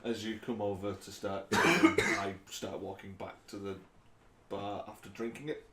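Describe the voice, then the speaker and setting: A man with a low voice chats casually at the game table, quick to own up to his mistakes. Echo fills the room, with faint noise behind him. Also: bright, forceful tone. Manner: chatty, apologetic. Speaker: player.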